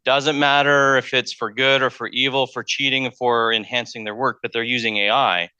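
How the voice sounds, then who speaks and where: Chatty male college lecturer, bright tone. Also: medium pitch, little pitch movement, moderate pace, smooth, no room sound, highs cut off. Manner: conversational, thinks aloud, repeats words. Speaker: math lecturer. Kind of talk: public lecture. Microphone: handheld mic.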